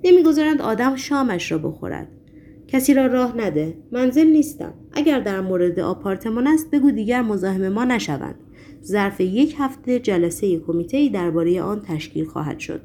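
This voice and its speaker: A woman reading aloud, voicing a panicky, bullying male building chairman who shouts in a gruff, flustered way. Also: medium pitch, lively intonation, a little hiss or hum, lightly acted. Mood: irritated.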